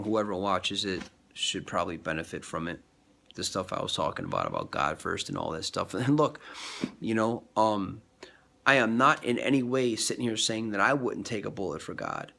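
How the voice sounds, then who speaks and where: This vlogger has a lowish, creaky voice that is bright and forceful. He has a cold, sounding sniffly and congested as he rambles about faith in a religious vlog, full of fillers and restarts.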